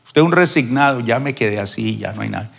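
A man preaching a sermon as pastor, teaching with acted-out examples and emphatic pauses. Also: medium pitch, animated, vocal fry, a bit bright, slight background noise. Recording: long hall reverb.

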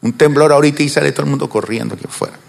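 A male pastor preaching to his congregation, asking them questions and answering them, slowing down on some words and rushing through asides. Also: a little high, gravelly, a little mellow, big-room sound. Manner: swings between slow drawn-out words and fast asides. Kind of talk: sermon. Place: church.

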